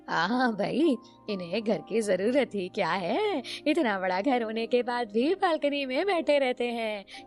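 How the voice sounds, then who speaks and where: A woman voicing a nosy neighbour woman in a cartoon story, who speaks in a taunting way. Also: fairly high pitch.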